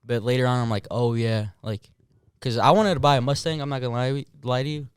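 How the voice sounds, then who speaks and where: A Marine veteran joins a podcast as a guest and speaks casually, earnest and reflective. His voice is medium-pitched, smooth and quick, with no echo.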